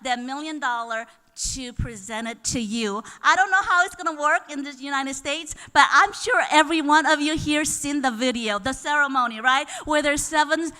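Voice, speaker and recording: A woman's voice: high-pitched, normal speed, few pauses. A woman giving an enthusiastic live presentation at a sales seminar, often putting questions to the audience. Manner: enthusiastic, rising to excited bursts; chatty, asks the room questions. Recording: reverberant hall.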